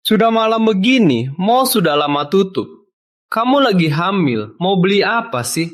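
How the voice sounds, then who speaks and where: A suspicious husband. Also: male voice, high-pitched, big pitch swings, normal speed. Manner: probing, doubtful questioning. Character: suspicious questioning young husband. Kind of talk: dubbed TV drama acting.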